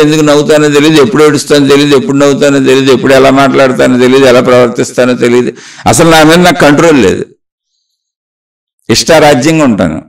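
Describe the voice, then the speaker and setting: Man, spiritual talk, rapid delivery, repetitive rhetorical questions, somewhat far from mic. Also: fairly high pitch. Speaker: spiritual speaker.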